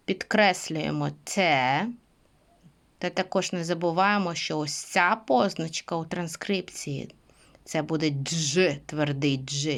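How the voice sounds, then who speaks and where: A woman teacher takes her time, drilling words slowly and patiently. Her voice sits a little low, and she repeats each word so her students can follow. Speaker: English teacher. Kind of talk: pronunciation lesson.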